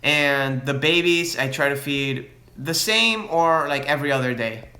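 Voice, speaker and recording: A man's voice: medium pitch, a little slow, bright, forceful tone. A man answering viewer questions about his reptile business on a casual livestream, rambling with many restarts and switching between Spanish and English. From Florida. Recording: echoey room.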